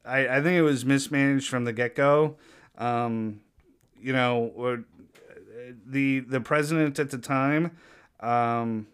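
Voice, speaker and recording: A man's voice: mid-range voice, steady tone, slow pace, clean tone. A man, a flight paramedic guest, talking in a rambling casual way with many fillers. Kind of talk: casual chat.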